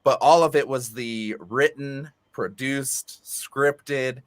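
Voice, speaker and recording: A man talking as a guest in a casual interview over a video call, relaxed and rambling with fillers and restarts. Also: medium pitch, slow pace, no echo. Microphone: remote video call.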